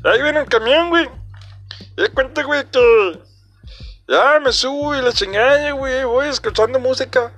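A brash young joke-teller with a strongly nasal voice, as a man puts him on, rambling loudly in Mexican street slang. His voice sits high and bright, pushed well above a normal speaking voice, with faint music behind. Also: moderate pace. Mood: rowdy.

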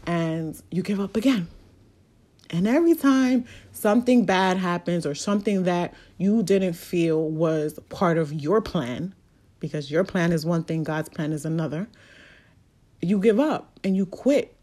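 Woman, motivational speaker, casual and preachy, swears often; warm, lowish voice. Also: measured pace. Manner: candid, profane, preachy.

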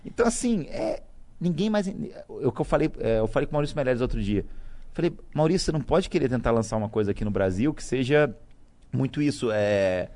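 Man from Brazil, casual podcast chat, rambling, slangy, quick delivery. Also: mid-range voice. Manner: rambling, slangy, animated storytelling. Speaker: comedian and podcast guest.

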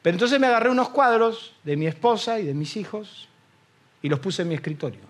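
A middle-aged pastor with a Rioplatense Spanish accent delivers a lively sermon, acting out the voices of the people he quotes. He speaks briskly, with a voice that sits high.

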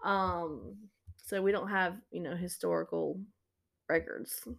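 A woman's voice: on the low side, fairly even intonation, takes it slowly, vocal fry, fairly bright tone. A woman co-hosting a podcast, casually retelling an old story with lots of fillers and restarts. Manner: rambling, filler-heavy retelling. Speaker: podcast co-host.

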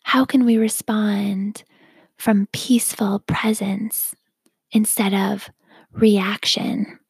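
This meditation guide is a woman with a medium-pitched, hushed, breathy half-whisper and gravelly fry at the close of her phrases. She leads slowly, calmly, and gently, in a dry, close recording with no room sound.

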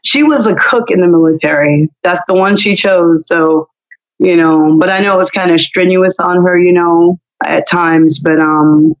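A singer in her forties rambles as a podcast guest in a casual interview chat, with plenty of "you know" fillers. Her voice runs on the low side at a moderate pace, and the lo-fi recording sounds slightly dull.

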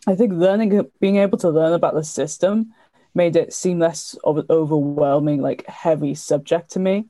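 Young woman, casual interviewer, gentle dark tone, close echo-free recording. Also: sits low. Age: young adult. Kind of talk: casual conversation.

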